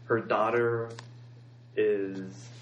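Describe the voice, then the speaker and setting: Low-voiced man, halting casual chat. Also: flat delivery, muffled recording, slight background noise. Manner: halting, many fillers and restarts. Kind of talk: casual chat about a TV show.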